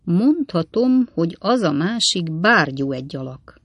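A reader voicing a cynical, flippant young male law clerk who talks in a mocking, offhand way with swooping pitch, read in a dry studio. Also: sing-song, a bit bright, slightly rough, no echo, heavily acted.

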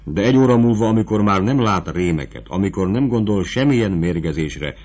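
A man's voice: lowish voice, lively intonation, darkish tone. A man reading as a passionate lovesick young prince.

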